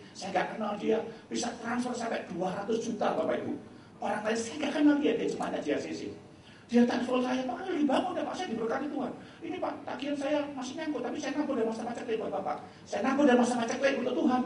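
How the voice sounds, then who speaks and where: Animated Indonesian pastor preaching in an echoing hall. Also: male voice, extremely high pitch, slight background noise. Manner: animated storytelling, acting out dialogue. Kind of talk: sermon. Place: large church hall. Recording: echoey church hall, mic from a distance.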